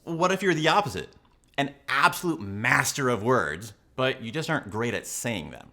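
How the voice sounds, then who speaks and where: A man's voice: mid-range voice, sing-song, normal speed, bright, forceful tone. A man presenting analytical commentary to viewers as a coach, with an emphatic, instructional way of talking. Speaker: body language and leadership coach, video host.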